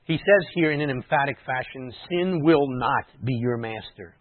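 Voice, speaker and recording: A man preaching a sermon in a teacherly way, explaining words and dropping into quiet asides. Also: mid-range voice, normal speed, dry recording. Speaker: messianic rabbi preaching. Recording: dry tinny phone-like sound.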